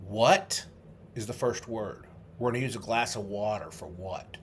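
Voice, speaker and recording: Slow-talking man guiding a memory exercise. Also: on the low side, a little hiss or hum. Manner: slow, drawn-out repetition with sudden loud "ta-da" bursts; vivid, coaxing visualization instructions. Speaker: memory trainer.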